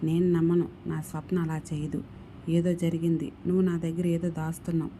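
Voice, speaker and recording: Lady reading as a shaky blind young husband, insistent, low mellow voice. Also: little pitch movement, fairly quick, a little hiss or hum. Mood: shaken. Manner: shaken, insistent.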